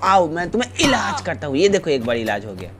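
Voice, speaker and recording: A young Indian man doing live, playful commentary on a game he is playing, mock-scolding the characters in it and jumping between low grumbles and high yelps. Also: big pitch swings, fast talker, fairly bright tone. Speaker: gaming streamer. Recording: noisy game stream with car sounds.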